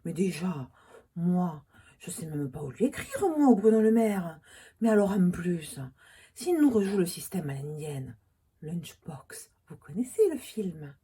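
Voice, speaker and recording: A woman with a strong Toulouse accent talks to her viewers in a wry, chatty comic monologue. Her voice is husky and dark, set low, yet it leaps up and down with lively melody. She often sinks into conspiratorial whispers between jokes. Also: unhurried. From Toulouse, France. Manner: ironic, chatty, drops into whispered asides. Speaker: vlogger. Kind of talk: humorous monologue to camera.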